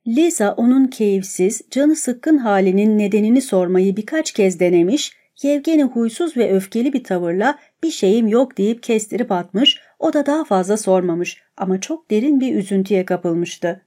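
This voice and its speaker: Woman reading a novel out loud, calm and measured, warm mellow voice. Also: medium pitch. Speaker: audiobook narrator. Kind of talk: scripted narration of a novel.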